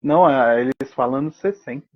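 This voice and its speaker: A man's voice: mid-range voice, fairly quick, highs cut off. A man with a Brazilian Portuguese accent, co-hosting a podcast and chatting casually while he retells scenes from a TV episode. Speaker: podcast co-host.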